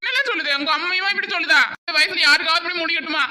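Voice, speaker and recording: A woman's voice: extremely high pitch, rapid-fire, heavy background noise. A woman with a Tirunelveli Tamil accent, voicing cartoon comedy in a complaining, protesting way. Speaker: voice actor.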